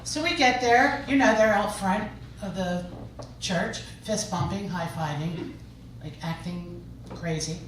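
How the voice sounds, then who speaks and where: A woman comedian on stage tells her stories in a chatty way and lands each punchline with a rhetorical question. The recording is very echoey and heard from far off. Audience laughter and room noise come through clearly behind her. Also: medium pitch, unhurried. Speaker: stand-up comedian. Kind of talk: stand-up storytelling. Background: audience laughter and room ambience.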